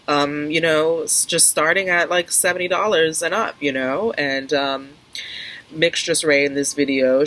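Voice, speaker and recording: A woman's voice: rumbling low, fairly bright tone, low-quality recording. A woman talking casually to her viewers outdoors in an open garden, rambling and often restarting her sentences, as a video creator. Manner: hesitant, rambling, self-interrupting. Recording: windy outdoor garden recording, faint noise. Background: wind and outdoor ambience.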